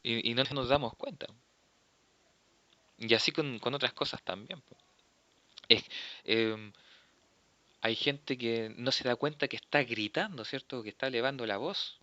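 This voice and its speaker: A man with a Chilean accent giving a philosophy class, explaining patiently and tagging his points with quick check-in questions. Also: medium pitch, sharp tone, dry recording, highs cut off. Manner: explanatory, tags sentences with "¿cierto?". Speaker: philosophy teacher. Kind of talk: classroom lecture.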